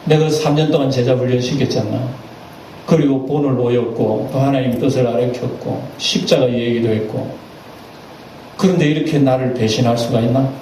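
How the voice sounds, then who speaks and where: A man voicing a gentle teacher who speaks quietly and calmly to his disciple. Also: normal speed, slight background noise, close to an everyday voice. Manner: quiet, low and calm. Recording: echoey church hall, distant mic.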